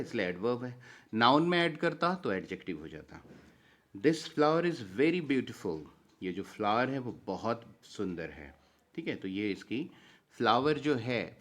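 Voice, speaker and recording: A man with an Indian accent teaching a grammar lesson, repeating key phrases and reading English examples slowly and deliberately. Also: mid-range voice.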